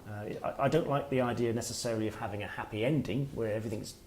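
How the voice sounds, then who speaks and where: A middle-aged man, an author giving a workshop talk, speaking in a reflective, halting way as he thinks aloud. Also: lowish voice, a little mellow, slight background noise. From Wales. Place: workshop room with listeners.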